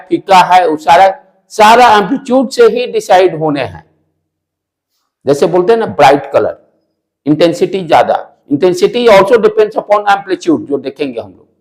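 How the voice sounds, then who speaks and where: A high-pitched man with an Indian accent delivers a loud physics lecture over poor audio. He throws out questions, drills key phrases through repetition and mixes English into his teaching.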